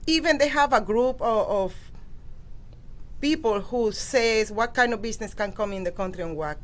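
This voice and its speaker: A woman from Venezuela, speaking English with a Venezuelan Spanish accent, talks as a political candidate on an interview show. She speaks in an animated, emphatic way, restarting phrases often. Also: a little high, moderate pace. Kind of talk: casual interview talk.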